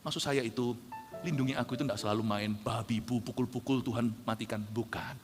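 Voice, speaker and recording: A man in his forties, a pastor, preaching a lively storytelling sermon that swings from low asides to shouted punchlines. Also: fairly quick. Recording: reverberant hall with faint music.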